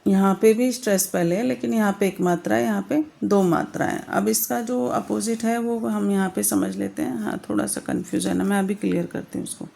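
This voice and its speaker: A woman lecturing on poetry with a gravelly, creaky edge to her voice. She keeps checking that her students follow, and she slows to a careful crawl whenever she dictates a definition. Her pitch sits in an ordinary middle range. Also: steady tone, mellow. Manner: explains step by step with frequent checks like "thik hai"; addresses students fondly as "beta". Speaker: English literature teacher. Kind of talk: online lecture in Hindi mixed with English.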